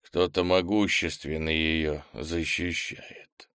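A man voicing an old blacksmith possessed by a soul-eating monster, speaking in a strange, distorted, alien voice that creaks slowly. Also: very deep voice, flat delivery, fairly bright tone, dry recording, studio quality, full character voice. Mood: regretful menace. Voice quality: creaking, slow and drawn-out. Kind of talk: audiobook character voice.

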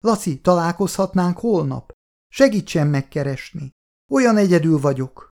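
A man's voice: on the high side, very animated, dark tone. A man voicing a distraught middle-aged mother who pleads in a breaking, tearful voice. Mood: pleading, tearful.

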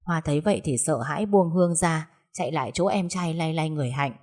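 A woman narrating a story in a steady, dramatic tone. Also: low-pitched, quick pace.

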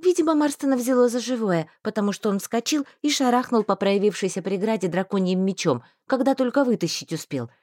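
Woman, audiobook narrator, expressive first-person storytelling, mid pitch, dry close sound. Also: a little fast, few pauses, no echo. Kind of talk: audiobook reading.

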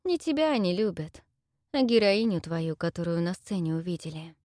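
A woman voicing a timid, tearful young widow who once acted on stage, speaking softly and pleadingly. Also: lowish voice, very animated, moderate pace, dry recording, clean studio sound. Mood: confessing. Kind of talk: audiobook character voice.

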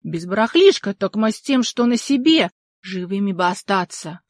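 A woman's voice: medium pitch, lively intonation, moderate pace, dry recording, clean studio sound, close to an everyday voice. A woman doing a folksy old village storyteller. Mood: folksy storytelling. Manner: folksy, emphatic, rustic speech.

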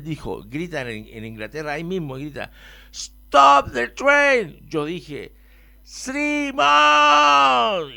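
Gravelly Chilean man spinning a tale. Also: mid-range voice, dry recording. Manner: animated, swings from loud to mumbled asides. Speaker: patient telling his story on a radio show. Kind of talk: rambling personal storytelling.

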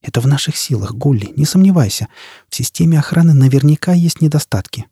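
A man's voice: on the high side, quick pace, slightly rough, no room sound, studio quality, heavily acted. A male reader voicing a confident, encouraging female prisoner in an audiobook. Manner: encouraging, steady. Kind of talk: audiobook character reading.

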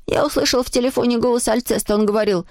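A woman reading a children's story aloud as an audiobook narrator, lively and expressive. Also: fairly high pitch, fast, no echo, clean studio sound.

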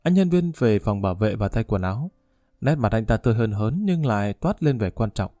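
Guy reading a novel out loud, warm dark voice, dry close sound, soft music underneath. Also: fairly low pitch, lively intonation, a little fast, no room sound. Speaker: audiobook narrator. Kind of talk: scripted narration of a novel, voicing all characters.

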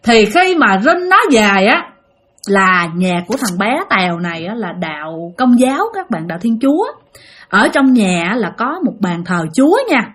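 A woman's voice: mid-range voice, sing-song, normal speed, fairly bright tone. A woman with a Southern Vietnamese accent telling a ghost story, chatty and speaking straight to her listeners. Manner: chatty, addresses listeners directly.

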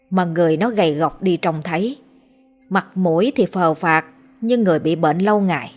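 A woman reading a horror story aloud in a measured, somber narration. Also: on the low side.

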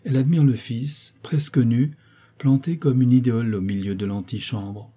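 A man narrating a classic novel as an audiobook with a measured, expressive reading. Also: medium pitch, slightly rough.

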